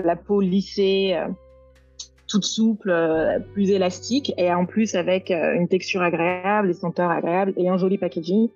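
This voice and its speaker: A woman's voice: on the low side, a little mellow. Hesitant woman in her thirties, lo-fi. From France. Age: 30s. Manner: hesitant, many fillers. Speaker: guest, skincare founder. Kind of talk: podcast interview.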